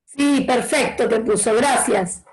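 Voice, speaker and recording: A woman's voice: a little high, slow pace. A woman co-teaching a class, giving short, direct replies and relaying what students ask. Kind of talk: casual class exchange. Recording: loud crowd noise around the voice.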